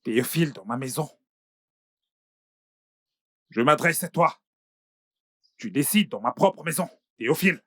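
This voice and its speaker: A man's voice: fairly high pitch, expressive, unhurried, pauses often, a bit bright, dry recording, studio quality. A man dubbing a stern, angry male employer who gives curt, threatening commands. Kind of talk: French film dub.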